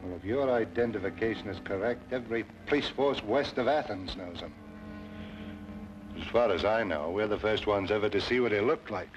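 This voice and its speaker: An actor playing a brisk, earnest Scotland Yard inspector with an official manner in an old-time radio drama. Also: male voice, lowish voice, lightly acted. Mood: businesslike. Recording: muffled, noisy old radio recording.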